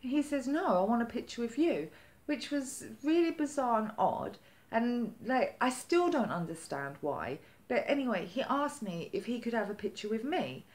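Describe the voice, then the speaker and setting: A woman vlogger telling a story in casual chat, animated and chatty, acting out the quotes with lively jumps in her voice. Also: on the high side, moderate pace. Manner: chatty with many "like" fillers.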